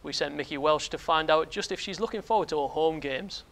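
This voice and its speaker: A male sports presenter reads scripted news at a quick clip. His voice is a touch high, and he slips over a word now and then. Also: creaky, a bit bright. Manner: brisk read, occasional slips.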